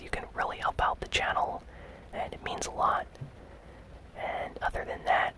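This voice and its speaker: This gaming news host whispers ASMR-fashion with rain falling in the background, keeping the whisper breathy, soft and without voice. The pacing is relaxed, easygoing and gentle.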